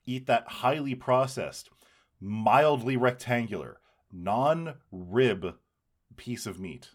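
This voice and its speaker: Male podcast host, mid-pitched and expressive, playful mock-grand phrasing, conversational. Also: takes it slowly. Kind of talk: casual podcast chat.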